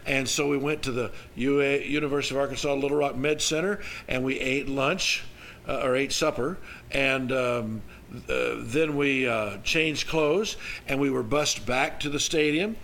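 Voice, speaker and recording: A middle-aged or older man, telling a story in a folksy, animated, conversational sermon with halting restarts. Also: medium pitch, vocal fry, slight background noise. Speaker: preacher.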